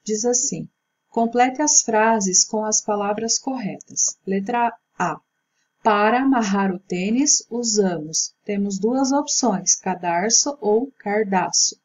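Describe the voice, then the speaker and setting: A woman teacher giving a recorded grammar lesson, explaining patiently and slowly. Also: medium pitch, a little mellow, dull audio, a little hiss or hum. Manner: slow, patient explaining with slides.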